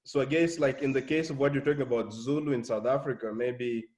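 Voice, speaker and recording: A man's voice: mid-range voice, fairly even intonation, fairly quick, a little mellow. Hesitant man hosting an interview. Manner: hesitant, many fillers. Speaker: host of language channel. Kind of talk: casual interview chat.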